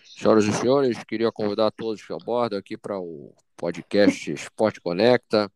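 A man's voice: fairly low pitch, moderate pace, darkish tone, no echo, pitched below the performer's own voice, close to an everyday voice. A man putting on the voice of an airline pilot making a formal cabin announcement during a casual podcast chat. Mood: mock-formal.

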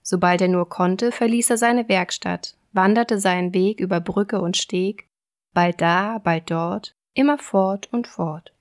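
A woman reads a fairy tale aloud in a calm, steady voice of medium pitch. Her narration is even and unhurried.

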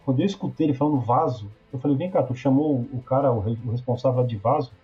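A man with a Brazilian accent talking casually, telling animated, slangy work stories full of asides. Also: mid-range voice, fast talker, husky, faint music behind. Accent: Brazilian Portuguese. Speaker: podcast guest talking about trade work. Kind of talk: casual chat. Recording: muffled, slightly lo-fi sound.

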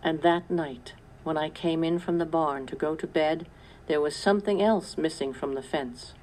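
A woman reading a children's story aloud in a measured first-person narration. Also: sits low, darkish tone, a little hiss or hum. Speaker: audiobook narrator.

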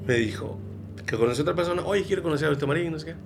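A man with a Mexican accent, a podcast guest, telling stories in an excitable, rambling way. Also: fairly high pitch, very fast, over music. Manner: excitable, rambling, restarts sentences. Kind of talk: casual chat.

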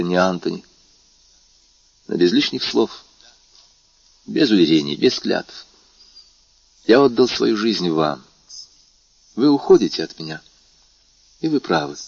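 A man reading a novel aloud and voicing a young man who calmly and solemnly says farewell to the woman he loves. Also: creaky, breathy edge, full character voice. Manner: calm, solemn, low-voiced. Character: young man, grave and resigned lover. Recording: dull lo-fi recording.

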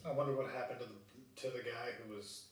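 A man co-hosting a podcast, chiming in with brief, quiet reactions and questions during casual chat. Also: medium pitch, steady tone, brisk. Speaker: podcast co-host.

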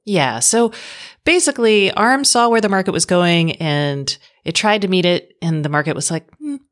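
A woman's voice: fairly low pitch, normal speed. A woman co-hosting a tech podcast, talking frankly in casual chat with dry asides that trail off. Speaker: podcast co-host.

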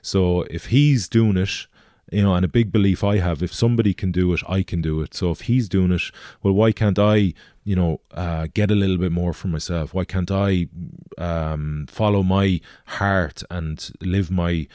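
Interview guest, male, west of Ireland accent, extremely low pitch, reflective and searching delivery, dry sound. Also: fairly even intonation, moderate pace, dark tone, dry recording. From Galway, west of Ireland. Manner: earnest, hesitant, thinking aloud. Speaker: interview guest, endurance athlete.

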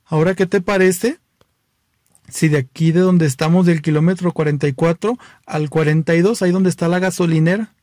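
A man's voice: fairly high pitch, fairly even intonation, a little fast, darkish tone, dry recording, pitched above the performer's own voice, lightly acted. A coquettish young guy in flip-flops sighs out every line in a lilting, raised voice, as a Mexican man telling a joke puts him on. The voice sits well above the teller's own. It sounds close and dry, with no room around it. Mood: teasing. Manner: sighing, singsong and coquettish. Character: flamboyant, sing-song young man in plastic flip-flops.

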